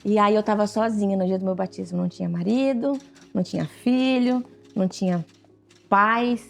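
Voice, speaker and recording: A woman's voice: medium pitch, moderate pace, vocal fry. A Brazilian woman giving an emotional personal testimony in a church documentary, telling her story vividly and quoting her own past words. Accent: Brazilian Portuguese. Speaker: church member interviewee.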